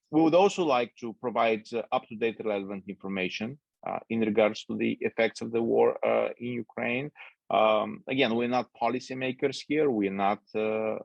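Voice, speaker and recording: A middle-aged man from Bulgaria moderating a webinar, speaking haltingly with constant "uh" fillers over a video call. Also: on the low side, creaky, no echo. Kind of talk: unscripted opening remarks. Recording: dull dry lo-fi webinar audio.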